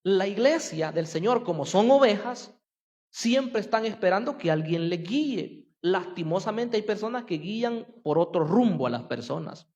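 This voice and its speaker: A man's voice: high-pitched, lively intonation, normal speed, a little mellow, highs cut off. A man pastor preaching a sermon in a church, earnest and often asking his congregation rhetorical questions. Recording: long hall reverb.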